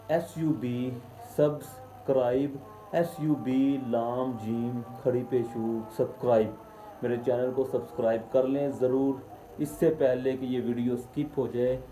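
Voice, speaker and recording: A man's voice: mid-range voice, mellow, roomy sound, a little hiss or hum, rough recording. A young man, casually vlogging to a phone held at arm's length and pleading with viewers to subscribe. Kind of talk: casual selfie vlog. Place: indoor room, then outdoors on a street.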